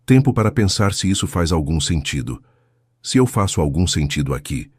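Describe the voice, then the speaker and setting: A man's voice: deep voice, very animated, brisk, slightly rough, no room sound, studio quality, exaggerated voice. A man voicing a hurt, guarded young wife who speaks in a bitter, accusing way. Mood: weary.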